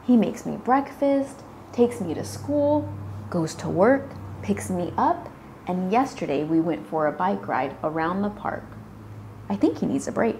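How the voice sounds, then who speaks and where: Woman, storybook read-aloud for little kids, slow and lively, light room hiss. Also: on the low side. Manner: slow, animated reading with playful voiced sounds. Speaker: children's storybook reader.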